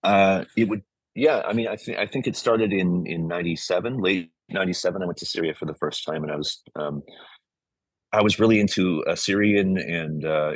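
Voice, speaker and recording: His voice sits low, with no echo in the recording. He's a middle-aged man from the San Francisco Bay Area, a musician and music compiler appearing as an interview guest, earnest and reflective as he often searches for what to say.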